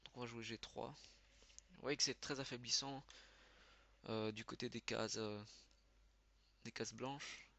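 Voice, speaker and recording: A man giving live commentary as he plays, thinking aloud with quick muttered exclamations. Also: medium pitch, fairly even intonation, creaky, bright, forceful tone. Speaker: channel host. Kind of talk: live commentary while playing.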